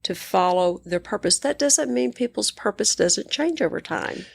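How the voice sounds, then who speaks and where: A woman's voice: mid-range voice, animated, moderate pace, creaky, husky. A middle-aged woman with a West Texas accent speaking conversationally as an interview guest, earnest, encouraging and emphatic. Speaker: psychiatrist and coach interviewed as guest.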